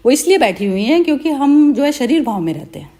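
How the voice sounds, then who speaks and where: A woman's voice: high-pitched, brisk. A woman hosting a spiritual group discussion who laughs often and speaks candidly. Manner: laughs often while talking, relaxed and candid. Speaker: session host.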